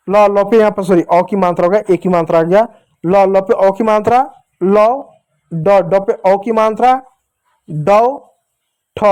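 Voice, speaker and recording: A man teaching young children how to read Hindi, patiently repeating each sound slowly and speaking straight to the kids. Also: high-pitched, darkish tone.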